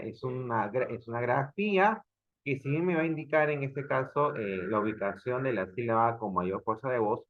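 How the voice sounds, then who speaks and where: Male teacher from Peru, mid-pitched, methodical explainer, muffled lo-fi online class audio. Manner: explains step by step, often checks understanding with "ok?".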